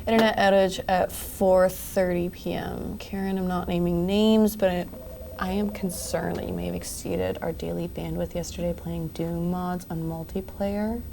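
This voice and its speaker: An actress playing an unbothered office worker, muttering dryly to herself. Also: female voice, on the low side, steady tone, normal speed, gravelly, mellow, a little hiss or hum. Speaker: office worker reading emails. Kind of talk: mockumentary.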